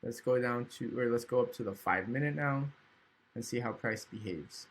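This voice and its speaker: Give me a man at a mid pitch casually talking through a chart screen recording. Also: moderate pace, slight background noise. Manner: casual, thinking aloud with frequent "right?". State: hiccups. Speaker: trading educator.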